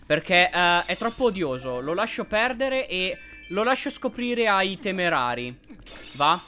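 A man hosting a let's play, commenting on gameplay and yelping excitedly at enemies. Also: sits high, measured pace, soft background music. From Italy. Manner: excitable, yelps and shouts at enemies.

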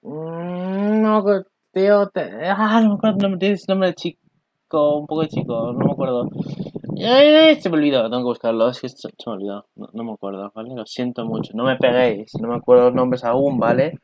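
A man's voice: mid-range voice, a little fast, darkish tone, dry recording, muffled recording. A man chats casually over an anime preview, rambling, exclaiming and swearing as he goes. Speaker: anime reaction youtuber. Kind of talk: casual commentary.

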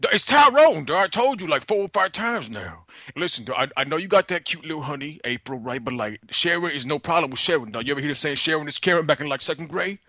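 Man putting on a brash, fast-talking, slangy young guy. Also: on the high side, animated, bright, forceful tone, no echo, clean studio sound, heavily acted. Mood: cocky, exasperated. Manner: slangy, cajoling, constantly saying "dog". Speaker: prank caller. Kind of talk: prank phone call.

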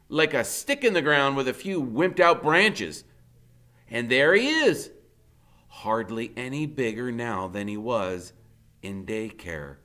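An American man in his fifties, a teacher, reads a first-person story aloud in a classroom in front of a whiteboard. His mid-range voice has a sharp tone, and his delivery is dramatic and conversational, drawing out key words for emphasis.

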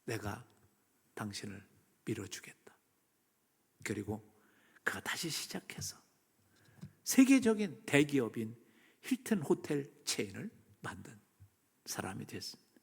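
Man preaching, pastor, swings from loud to whispered, gravelly husky voice, long church reverb. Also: mid-range voice, sing-song, unhurried, pauses often. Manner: swings between loud emphasis and hushed near-whispers. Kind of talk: sermon. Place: church sanctuary.

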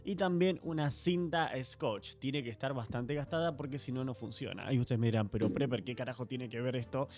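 A man doing a hushed, pompous mock detective. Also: mid-range voice, a little fast, few pauses, voice pushed down, natural voice. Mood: mock-solemn. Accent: Rioplatense Spanish. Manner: hushed, solemn mock-expert delivery. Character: mock-serious male forensic investigator, deadpan, pompous.

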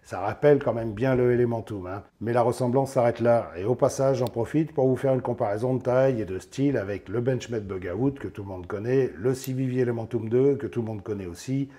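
A hoarse man hosts a casual knife review, his voice nearly gone. He talks in a chatty, joking way and tags his sentences with little asides. His tone is very dark and mellow, at a middle pitch. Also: a little fast, few pauses. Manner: chatty, jokey, tags lines with "hein". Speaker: knife review channel host.

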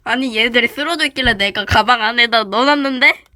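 A woman's voice: on the high side, a little fast, pushed and bright, slight background noise. A woman voicing a bossy, mischievous big-sister girl who talks in a careless, pushy way. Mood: offhand.

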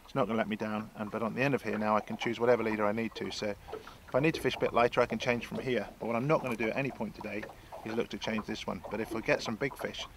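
A gravelly, lowish voice delivers rapid-fire talk with few pauses and fairly even intonation. The speaker, a fishing guide in his sixties, chats about his tackle setup from a small lake boat, restarting often, in an outdoor how-to with wind and water noise.

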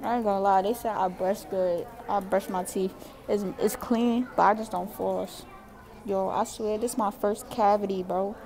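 A woman's voice: medium pitch, fairly even intonation, moderate pace. A nineteen-year-old woman vlogging through a face mask, in laid-back slangy street talk, at a dental office. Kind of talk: casual vlog chat.

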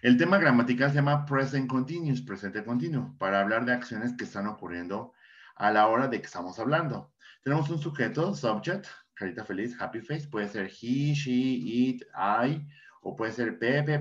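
A male teacher with a Mexican Spanish accent walks students through grammar rules. He repeats words and asks questions he then answers himself, in a middle-pitched voice. The sound is muffled and lo-fi. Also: normal speed. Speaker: English teacher. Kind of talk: classroom lesson explanation. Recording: dull lo-fi sound.

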